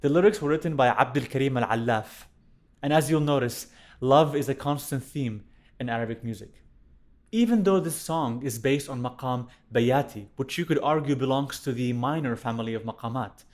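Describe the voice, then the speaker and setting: A young man born in Iraq, a violinist teaching a music lesson to camera in a clear, explanatory way, recorded on a studio microphone indoors. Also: medium pitch, normal speed. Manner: clear, explanatory, chants rhythm syllables in time. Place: indoor studio room with plant. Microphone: studio condenser mic on stand.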